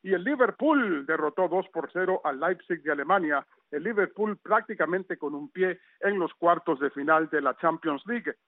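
A man's voice: a little high, animated, moderate pace, hardly any pauses, dry recording. A man reading a radio sports news roundup in a conversational way, with chatty asides. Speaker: sports reporter. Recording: tinny phone-line sound.

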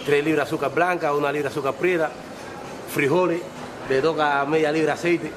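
A man's voice: a little high, fairly even intonation, fairly quick, noisy background. A man speaking in a matter-of-fact way as an interviewee.

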